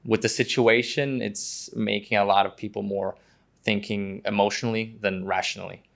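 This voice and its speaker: A man from Croatia speaks as a podcast guest in a very flat, even voice. He talks casually, pausing often and restarting his sentences. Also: on the low side, gravelly. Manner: hesitant, many fillers and restarts, flat delivery. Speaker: guest, prospective investor.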